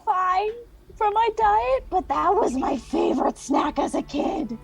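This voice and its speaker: A woman voicing an excitable female moth creature in a tabletop game, eager and flustered. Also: extremely high pitch, slow, vocal fry, voice pushed up, heavily acted. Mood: excited, eager.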